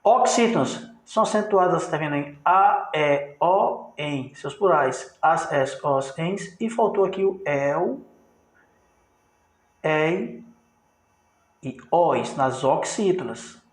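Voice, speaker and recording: A man's voice: a little high, animated, slow. Man, teacher from Brazil, grammar review lesson, explanatory, checks in with listeners, echoey room.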